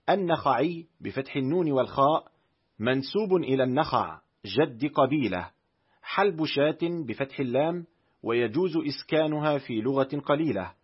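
A man reads a classical reference book aloud at a measured, careful pace. He spells out vowels and letters one by one. His voice is husky, mid-pitched and even, and the recording sounds dull and lo-fi. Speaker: audiobook reader. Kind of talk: reading a classical Arabic reference text aloud.

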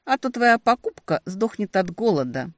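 Woman voicing a sharp-tongued young demoness. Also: medium pitch, big pitch swings, normal speed, no echo, clean studio sound, voice pushed up, close to an everyday voice. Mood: defiant. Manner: indignant, shouting accusations.

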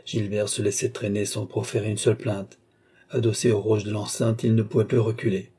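Husky dark-voiced male narrator. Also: lowish voice, little pitch movement, brisk. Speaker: audiobook narrator. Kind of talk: scripted literary narration.

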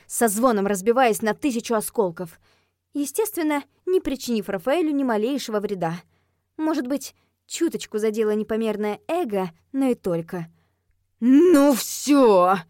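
Lively woman narrating an audiobook. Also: on the high side, no echo, clean studio sound. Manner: lively and expressive, heated in the heroine's outbursts. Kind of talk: first-person audiobook narration.

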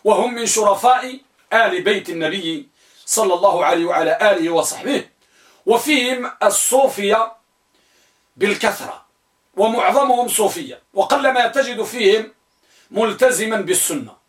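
A man teaching an Arabic grammar lesson. He quizzes his students and spells each word form out slowly, repeating it. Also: sits high, echoey room, far from the mic. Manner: asks the students questions and answers them himself.

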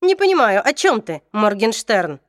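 A woman reader voicing an arrogant young man who loudly and coldly condemns others, reading a fantasy audiobook. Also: mid-range voice, big pitch swings, moderate pace, no room sound, studio quality, lightly acted. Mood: scornful. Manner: loud, cold and self-righteous.

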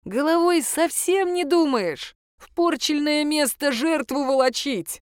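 A woman's voice: high voice, a little slow, no room sound, clean studio sound, pitched above the performer's own voice. A woman reading a sardonic male demon. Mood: grumbling. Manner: grumbling, mocking, curt. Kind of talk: audiobook character reading.

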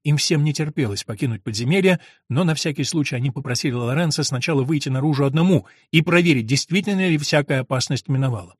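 A man reading a gothic novel aloud as an audiobook narrator, in a measured, even manner. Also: a little high, breathy edge, no echo, clean studio sound.

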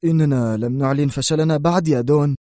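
A man's voice: on the high side, fast talker, dark tone, dry recording, clean studio sound, pitched above the performer's own voice, close to an everyday voice. A man voicing an indignant, hot-tempered mafia gunman in an audiobook, snapping out his lines. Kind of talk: audiobook character voice.

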